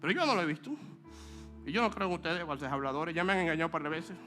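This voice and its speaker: A man's voice: a little high, animated, rapid-fire, sharp tone, soft background music. A pastor acting out a doubting, scornful man. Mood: skeptical. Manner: scornful, insistent. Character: doubting apostle, skeptical grown man.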